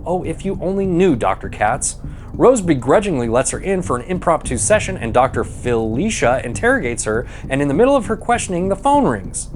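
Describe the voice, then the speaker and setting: With music playing behind him, a sarcastic male host narrates a movie recap, his scripted comedy irreverent and full of swearing. He talks fairly quickly in a slightly high voice with big pitch swings, and a little hiss or hum can be heard.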